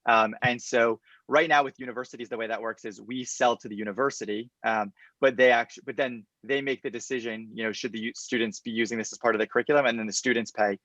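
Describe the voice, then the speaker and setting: A man, answering questions in a confident startup pitch, explaining point by point on a video call. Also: fairly even intonation, fast talker, a bit bright, no echo, highs cut off. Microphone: computer mic on a video call.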